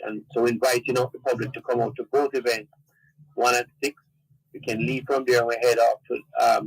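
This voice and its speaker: A man with a gravelly, husky voice who speaks in a flat, even tone. He announces upcoming events steadily, like a radio guest giving notices. The sound is dry. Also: mid-range voice, no echo, low-quality recording. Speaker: consul general, guest. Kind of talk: radio interview.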